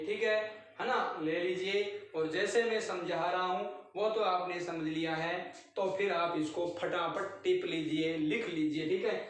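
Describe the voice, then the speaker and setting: A male teacher reads out lists of words, repeating them and asking the class if they follow. His voice is high, and he is recorded from a distance in a strongly echoing room. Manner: repeats word lists with frequent "theek hai" checks. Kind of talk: Hindi grammar lesson. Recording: very echoey room, recorded from afar.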